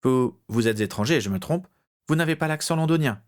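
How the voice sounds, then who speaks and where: A man's voice: medium pitch, expressive, a little fast, pitched above the performer's own voice, natural voice. A man voicing a jovial, chatty male barman who talks in effusive bursts. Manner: effusive, exclamatory.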